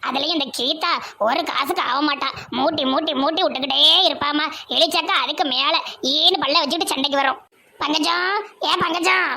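A woman's voice: high voice, vocal fry, bright, forceful tone, exaggerated voice. A woman voicing a chatty, generous middle-aged village aunt with a Tirunelveli Tamil accent. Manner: gossipy, fast chatter.

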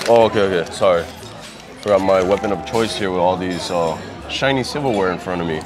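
A man's voice: low-pitched, a little fast. A man in his thirties, a food vlogger, cheerfully describing dishes while eating in a busy restaurant. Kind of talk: casual food review chat. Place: restaurant dining room by the beach. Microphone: lapel mic. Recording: loud music and crowd behind. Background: piano music and diners chatting.

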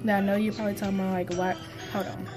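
A young adult woman, a beauty vlogger, gives a rambling, informal product review in a small room while her mouth is sore and stitched after having teeth pulled. She talks rapid-fire at medium pitch with a flat delivery, with music in the background. Her phone is propped at arm's length as the mic.

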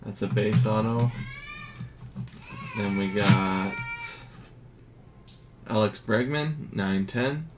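A man with a lowish voice talks slowly through a stack of graded cards and reads off numbers in a relaxed, steady way. Steady noise sits clearly under the voice. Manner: slow, low-key commentary, grades read in a flat list. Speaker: card collector. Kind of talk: casual unboxing narration. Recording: audible background noise.

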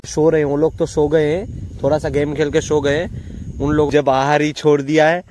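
A man's voice: a little high, little pitch movement, moderate pace, a little mellow. Young male cameraman, whining and joking, outdoors at night with faint background noise. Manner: whiny, pleading and teasing. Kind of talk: casual chat with friends.

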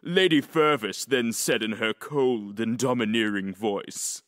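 A man narrating a first-person fan audiobook, expressive, with smug asides. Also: mid-range voice, unhurried. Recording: long echoey reverb.

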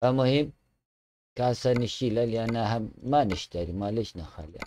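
An Iraqi-accented man talks casually through a game tutorial in an ordinary middle-pitched voice. He is chatty and fond with his viewers and often breaks off and restarts his words. Faint noise sits under the voice. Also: moderate pace, dark tone. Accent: Iraqi Arabic. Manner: chatty, addresses viewers fondly, frequent restarts. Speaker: gaming channel host showing a truck mod.

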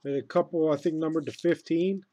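A man hosting a live sports card break, announcing each card pulled with a slow, loud build and casual laughing asides. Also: on the high side, fairly even intonation, background noise.

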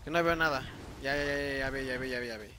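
A man with a Mexican Spanish accent giving live gameplay commentary, excitable and cursing at enemies. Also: medium pitch, fast talker, noisy background. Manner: excitable, swearing, shouting at enemies. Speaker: gameplay video host.

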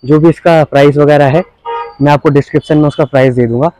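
A young man hosting a real estate channel, giving an upbeat sales pitch as he walks a street and an empty shop, with short pauses between phrases. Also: steady tone, dark tone, no room sound, low-quality recording. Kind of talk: property walkthrough narration.

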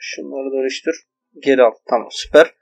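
A young man giving excited let's-play commentary, shouting exclamations and cursing at enemies as he plays. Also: mid-range voice, a little fast, vocal fry. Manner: loud exclamations and swearing at enemies. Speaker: gaming YouTuber.

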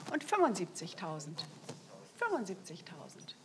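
A woman's voice: lowish voice, wildly swooping pitch, moderate pace, background noise. A middle-aged woman working as an auctioneer, calling out bids live and repeating the figures with emphatic stresses. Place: indoor saleroom at a lectern. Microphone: lapel microphone.

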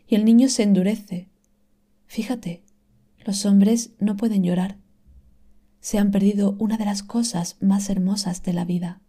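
A woman reading an inspirational text aloud in a calm, scripted manner, slowly and softly, sometimes dropping to a whisper. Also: medium pitch. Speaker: reader of inspirational texts.

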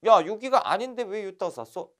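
A man's voice: on the high side, sing-song, a little fast, voice pushed up. A male lecturer voicing a bullying magistrate who barks at laborers in a retold history scene. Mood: scolding. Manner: scolding, barking orders.

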